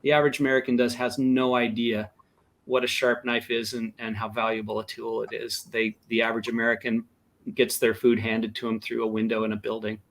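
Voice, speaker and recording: A man co-hosting a podcast talks through his opinions in a casual, rambling way, leaning on personal anecdotes. His pitch is middle of the range for a man. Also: monotone, a little fast, fairly bright tone. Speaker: podcast co-host. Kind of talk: casual discussion.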